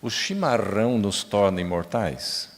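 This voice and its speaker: A man from Brazil giving a spiritist lecture, slow and emphatic, turning to chat with the audience. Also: lowish voice, lively intonation. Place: large lecture hall. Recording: long hall reverb.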